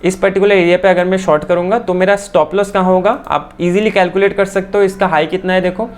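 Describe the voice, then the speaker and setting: A man from India explaining a trading chart lesson quickly, repeating phrases and checking in with "theek hai" often. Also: sits high, steady tone. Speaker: stock market trading teacher.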